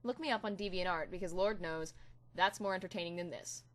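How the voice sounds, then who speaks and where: A woman's voice: lowish voice, brisk. A woman hosting and giving a dramatic reading of comic fan fiction.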